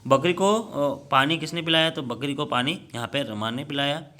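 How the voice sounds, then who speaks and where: Bright-voiced man reading to children. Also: on the high side. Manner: plain, halting reading with many fillers and restarts. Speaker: teacher. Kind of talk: reading a workbook story and answering questions for children.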